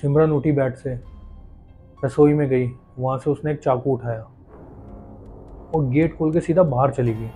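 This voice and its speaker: A man's voice: mid-range voice, steady tone, unhurried, long pauses, mellow. A man narrating a horror story in a casual, conversational, suspense-building way. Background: faint background music.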